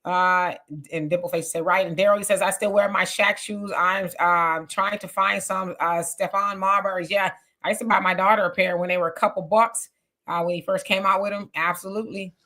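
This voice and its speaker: A woman's voice: medium pitch, steady tone, brisk, sharp tone. Chatty woman in her fifties. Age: 50s. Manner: chatty, reads comments aloud with fillers. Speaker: livestream co-host reading viewer comments. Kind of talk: casual livestream chat.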